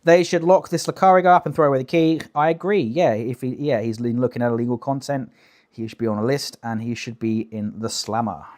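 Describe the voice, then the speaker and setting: A man's voice: mid-range voice, a little fast, darkish tone. A young British man doing casual livestream reaction commentary, blunt, sweary and emphatic in an incredulous way. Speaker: live streamer commenting on clips.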